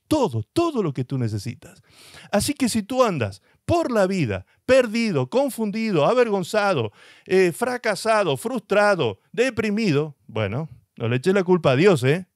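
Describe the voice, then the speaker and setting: A man's voice: sits high, darkish tone, no echo, studio quality. A man preaching a sermon as pastor, emphatic and full of rhetorical questions, with short mocking put-on voices.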